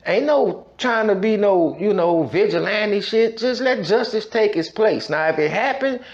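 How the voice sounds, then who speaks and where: Telling a personal story on a podcast, this American man talks casually but emphatically, repeating himself and peppering his speech with street slang and check-ins. His high-pitched voice is animated and unhurried, and the recording is dull.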